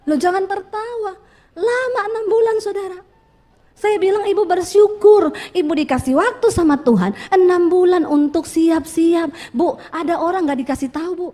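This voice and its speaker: A woman's voice: very high-pitched, normal speed, warm tone. A woman pastor preaching a sermon, telling stories with quoted voices and asking the congregation questions.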